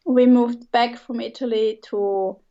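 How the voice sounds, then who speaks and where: A Swiss woman in her thirties, appearing as a guest in a casual interview, speaks hesitantly, often restarting her sentences with light laughs. Her voice is fairly high and steady, with a dark tone and a measured pace, though the audio sounds dull.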